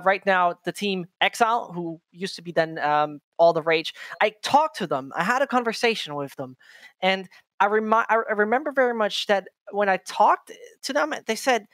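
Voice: medium pitch, dry recording. A host of a gaming show who politely leads the panel with long questions.

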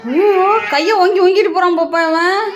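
A woman's voice: sits high, brisk, muffled recording, background noise. A woman with a Tamil accent, talking to her pet cats in playful baby talk, doting and teasing with mock alarm.

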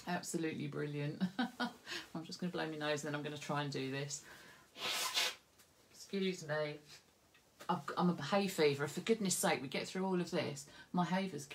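A woman's voice: sits low, moderate pace, long pauses. A woman hosting a craft video, chatting and giggling through rambling stories, a little stuffy from hay fever. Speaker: craft tutorial host. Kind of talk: casual chat to viewers.

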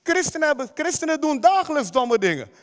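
A man's voice: very high voice, sing-song, a little fast, a bit bright, big-room sound. A man preaching a sermon as pastor, emphatic, often putting direct questions to the congregation. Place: church hall.

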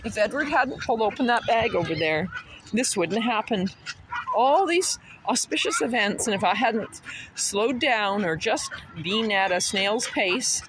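A woman's voice: mid-range voice, animated, measured pace, noisy background. A woman in her sixties rambling outdoors, laughing often and chatting to her dogs. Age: 60s. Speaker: vlogger talking to children.

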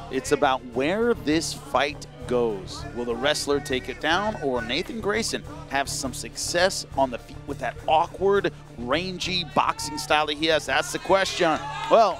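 High-voiced male play-by-play fight commentator. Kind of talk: live sports commentary. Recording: crowd and music behind. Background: crowd and music.

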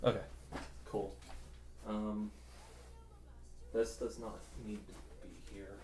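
A man's voice: on the low side, level tone, slow, mellow, echoey room. Breathless man muttering to himself. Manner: muttering, self-deprecating, out of breath. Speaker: YouTuber. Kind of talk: casual vlog chatter to himself.

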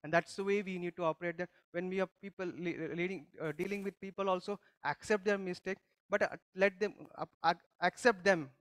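A man with a high voice preaches a conversational church sermon. He often stops to put questions to the congregation and restarts his sentences as he goes. His voice sounds dry and close. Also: fairly even intonation, fairly quick, few pauses, a bit bright, no room sound. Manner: teaching with frequent questions to the congregation and many restarts. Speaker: pastor. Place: church service.

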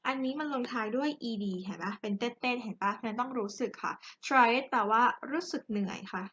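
A woman's voice: a little high, brisk, a bit bright, husky. A young Thai woman teaching an English grammar lesson in a chatty, joking way, addressing her students directly. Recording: dull lo-fi recording.

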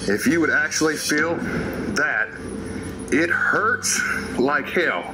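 A man's voice: fairly high pitch, animated, takes it slowly, rough recording. A man talking outdoors in casual chat, laughing and swearing as he speaks. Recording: music bed.

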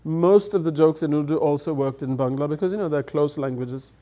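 A middle-aged native English speaker appears as the elder guest, trading stories at a table on a studio set hung with dark curtains while he laughs and acts out what people said. The voice is warm, a little high and a little fast.

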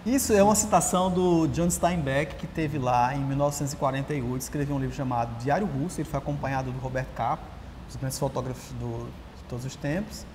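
This Brazilian man in his thirties, a writer-journalist appearing as a guest, talks fast in a mid-range voice, storytelling with energy and frequent restarts during a relaxed interview. He's miked on the lapel in a vast empty hall whose long reverb and slight hiss linger.

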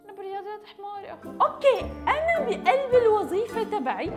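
A woman with a Levantine Arabic accent chatters through a game in a very high voice that leaps all over the place. She talks fast, and soft music plays underneath her. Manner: animated, gasping, giggly, dramatic outbursts. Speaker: gaming YouTuber. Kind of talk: playful gameplay commentary.

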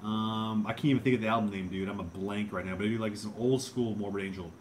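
A man's voice: on the low side, steady tone, fast, a little hiss or hum. A young man hosting a casual livestream, hesitant and self-deprecating as he answers viewer comments. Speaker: livestream host.

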